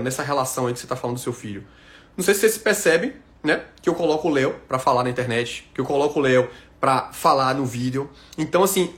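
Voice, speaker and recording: A man giving a motivational talk on self-confidence, speaking emphatically and directly to his viewers. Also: a little high. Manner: emphatic, addresses the audience directly.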